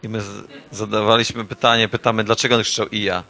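A man preaching a sermon to a congregation in a church, telling a parable in a repetitive, playful way and rising into shouted refrains. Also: lowish voice, level tone, quick pace.

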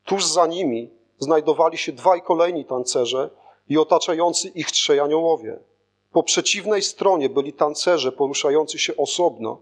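A man narrates a first-person spiritual testimony in an earnest, steady reading. His voice sits a little higher than most men's, and the telling is scripted rather than spoken off the cuff. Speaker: audiobook narrator.

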